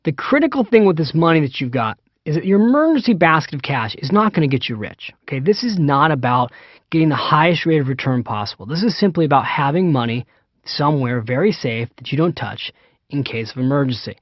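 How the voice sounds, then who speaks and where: A man's voice: a little high, lively intonation, a little fast, no echo, muffled recording. A man reading his own audiobook in a chatty, anecdotal teaching style, speaking straight to the listener. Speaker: author and personal finance teacher. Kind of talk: self-read audiobook, seminar-like teaching.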